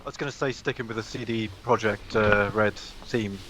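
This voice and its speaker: A man's voice: lowish voice, fairly even intonation, normal speed, a crowd in the background. A man with a South Welsh accent chatting casually as a panellist on a podcast video call. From Wales, near Swansea. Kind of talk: casual chat. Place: home room on video call. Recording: muffled, noisy home call audio.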